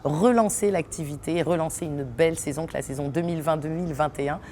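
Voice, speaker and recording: A woman's voice: low-pitched, quick pace, a little hiss or hum. A woman from French Guiana, an actress and theatre company owner, answering interview questions with lots of laughter and hesitations in an unfinished theatre hall. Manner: lively, laughs often, many hesitations.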